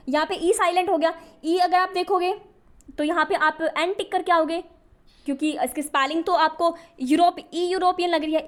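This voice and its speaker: High-voiced woman teaching grammar. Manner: asks questions and answers them herself, repeats key points. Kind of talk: exam coaching lesson.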